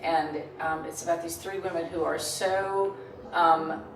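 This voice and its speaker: A woman's voice: on the low side, fairly even intonation, unhurried, a little hiss or hum. An older woman, a stage actress, chatting in an interview and searching for words with many restarts. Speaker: lead actress. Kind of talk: casual interview chat. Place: festival event room. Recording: echoey room, mic far off, music behind.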